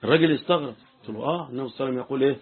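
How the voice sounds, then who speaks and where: An Egyptian sheikh gives a fast, chatty religious lesson, often checking that his listeners follow. His voice is slightly husky. The sound is thin and phone-like. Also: mid-range voice. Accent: Egyptian Arabic. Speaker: sheikh teaching Quran commentary. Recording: tinny phone-like lo-fi recording.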